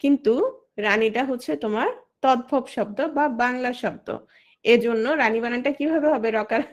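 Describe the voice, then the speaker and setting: A woman, likely in her thirties, leads an exam-prep class in a high, bright voice. She explains rules step by step, throws out questions and then answers them herself. She calls on individual students by name as she goes. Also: moderate pace. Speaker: teacher. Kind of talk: online exam-prep lesson.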